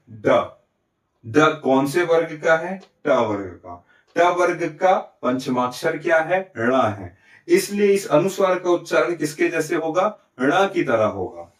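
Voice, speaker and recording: Man teaching Hindi grammar, echoey room. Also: on the high side. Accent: Chhattisgarh Hindi. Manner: explains step by step, asks and answers his own questions; often adds "ठीक है?" and "है ना?" to check understanding. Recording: echoey room, recorded from a distance.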